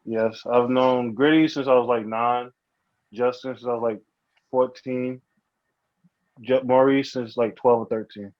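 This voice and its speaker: A man's voice: mid-range voice, fairly even intonation, measured pace, long pauses, no echo, muffled recording. A man appearing as a podcast guest, easygoing and blunt in casual chat.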